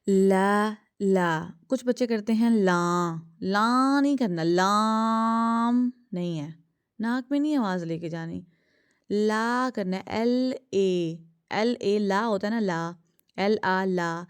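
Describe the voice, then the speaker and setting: A woman teaches children recitation in a clear, smooth voice, modelling each sound slowly and repeating it again and again. She asks checking questions and answers them herself. The recording is close and dry. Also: medium pitch, darkish tone, dry recording. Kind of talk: tajweed lesson for children.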